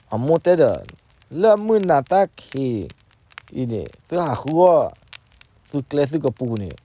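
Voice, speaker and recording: A man telling a folk story in an unhurried, conversational way. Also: medium pitch, mellow.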